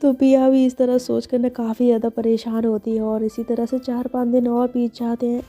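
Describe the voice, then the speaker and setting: A woman's voice: a little high, little pitch movement, normal speed, warm tone, soft background music. A woman storyteller retelling a romance casually, with chatty fillers. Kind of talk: casual spoken story narration.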